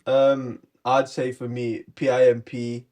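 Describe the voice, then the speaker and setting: A man's voice: mid-range voice, slow pace. A young man co-hosting a casual podcast chat, joking around and breaking into bits of song. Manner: animated, joking, breaks into sung snippets. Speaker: podcast co-host.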